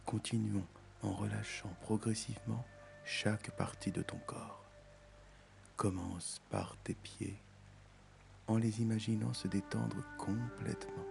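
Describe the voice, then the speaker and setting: Slow, creaky male meditation guide, close in your ear. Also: fairly low pitch. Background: music.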